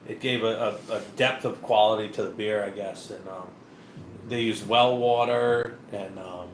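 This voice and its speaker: A man's voice: lowish voice, fairly even intonation, normal speed. A man co-hosting a live beer review show, chatting casually and rambling with many fillers and restarts. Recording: echoey room with faint noise.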